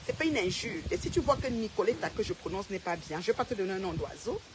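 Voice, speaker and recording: A woman's voice: mid-range voice, animated, fast talker, a crowd in the background. A woman ranting straight to the camera, calling out a rival by name and repeating her points with confrontational emphasis. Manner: confrontational, addresses a rival directly and repeats herself. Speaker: social media personality. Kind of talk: direct-to-camera rant.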